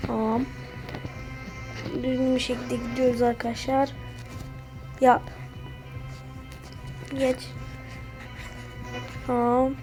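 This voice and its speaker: A woman giving casual running commentary on a game she is playing, recorded on a phone, often addressing her viewers and breaking into excited shouts at surprises. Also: fairly high pitch, slow pace, pauses often, over music. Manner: keeps saying "okay friends" while playing; bursts into excited shouts at discoveries. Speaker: gameplay commentator. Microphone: phone screen recorder.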